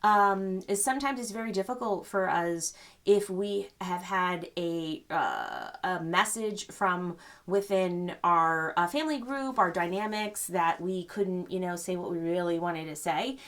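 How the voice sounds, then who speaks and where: An older woman giving a gentle, rambling spiritual card reading, full of fillers and reassurance. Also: fairly low pitch, lively intonation, measured pace. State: choked up. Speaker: psychic reader.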